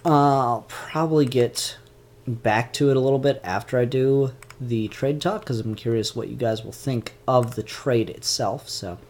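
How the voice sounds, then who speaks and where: A man hosting a casual live-stream comic review, chatty and animated, with a stuffed-up nose. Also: medium pitch, unhurried. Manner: chatty and animated, mock-grumpy asides. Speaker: comic book reviewer and YouTuber.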